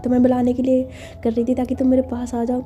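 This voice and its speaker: A woman's voice: a little high, completely flat delivery, quick pace, dark tone, faint music behind, natural voice. A woman voicing a coaxing, playful young woman. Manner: pleading, coaxing questions.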